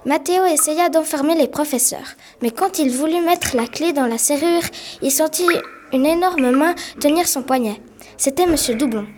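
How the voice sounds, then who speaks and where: A woman's voice: sits high, normal speed, a little mellow, a little hiss or hum. A woman narrating a story in a plain amateur reading, with small slips.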